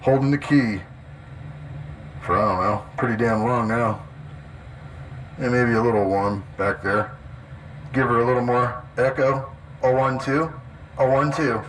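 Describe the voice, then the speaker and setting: A man's voice: mid-range voice, a little slow, long pauses. Slangy man demoing a CB radio, noisy background. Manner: slangy, upbeat, chatty. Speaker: CB radio builder. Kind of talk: casual demo narration.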